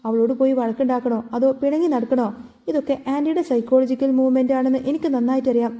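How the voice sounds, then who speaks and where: A blunt, irritated young man pushing back at his aunt, read by a woman narrator. The voice is high and soft-toned, and he stays curt and defiant. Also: steady tone, quick pace, dull audio, lightly acted.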